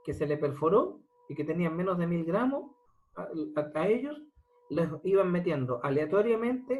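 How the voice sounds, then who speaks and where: A man's voice: on the high side, low-quality recording. Surgeon guy lecturing, explains stuff, throws rhetorical questions at the room. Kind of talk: medical lecture.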